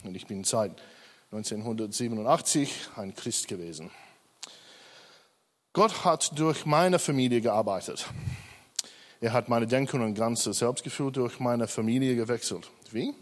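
A church member gives his testimony: a middle-aged native English speaker from Australia, halting, using many fillers and correcting himself. He keeps a medium pitch and measured pace, heard in a large hall.

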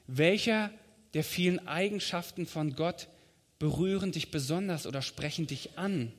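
Guy preaching in a church, measured and steady, bit higher voice, long echo behind him. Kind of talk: sermon. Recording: long hall reverb.

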